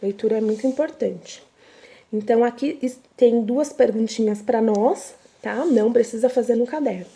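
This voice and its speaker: A woman's voice: fairly high pitch, normal speed, warm tone. A young woman teaching a recorded reading lesson to young children, with a Brazilian Portuguese accent, patient and drawn out, repeating each word. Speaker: primary school teacher.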